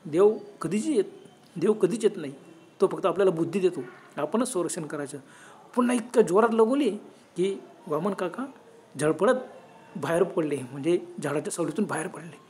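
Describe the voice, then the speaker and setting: A man with a Marathi accent narrating a horror story, lively and acting out the people he quotes. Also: sits high, normal speed, slight background noise. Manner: animated, acts out quoted voices.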